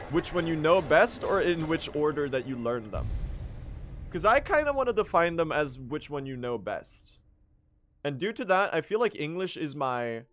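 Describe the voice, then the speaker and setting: A native Swedish speaker who streams speedruns chats casually with viewers while playing, his voice on the high side with a fairly bright tone. He rambles, corrects himself as he goes, and swears mildly.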